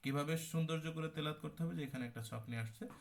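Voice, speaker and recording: A man's voice: on the high side, racing, gravelly, noisy background. A young man teaching a Quran recitation class, explaining terms step by step, checking in with his students and coughing now and then. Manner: explanatory, repeats terms and asks the class questions. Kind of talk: online tajweed class lecture.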